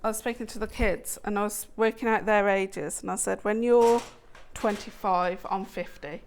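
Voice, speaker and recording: A woman in her forties chats while demonstrating sewing on a studio shopping show, laughing easily between sentences. Her voice has a gravelly, fry-tinged texture at a middle pitch. A faint noise sits under the recording. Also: steady tone, normal speed. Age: 40s. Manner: giggly, laughs often.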